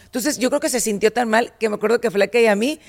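A quick-talking woman with a northern Mexican accent, co-hosting a podcast. Her voice is a little high with a gravelly edge, and she tells her stories with lively laughter. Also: big-room sound. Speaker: podcast co-host. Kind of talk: casual chat.

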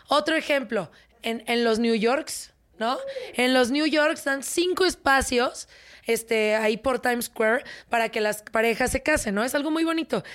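A young woman with a Mexican Spanish accent hosting an entertainment segment, teasing and animated, tossing English words into her chat. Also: on the high side. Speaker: entertainment show host. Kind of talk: playful showbiz chat.

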